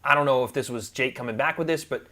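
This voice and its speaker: A man co-hosting a casual sports debate podcast, animated and joking as he trades banter with his partner. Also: medium pitch. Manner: animated, joking, fast back-and-forth banter. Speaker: podcast co-host. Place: temporary room away from home.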